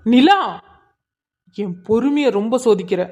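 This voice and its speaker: A woman voicing a hot-tempered young husband in a cartoon drama, scolding and sharp. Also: a little high, expressive, fairly quick, lightly acted. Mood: angry. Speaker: cartoon character voice.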